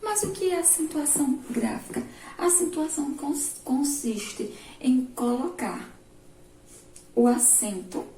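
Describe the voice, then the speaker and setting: A woman teacher with a Brazilian Portuguese accent talks slowly through a remote class lesson, in a fairly high, gravelly voice. She explains step by step and puts questions to the class. Her voice is recorded from a distance in an echoey room with faint background noise. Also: warm tone. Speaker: primary school teacher.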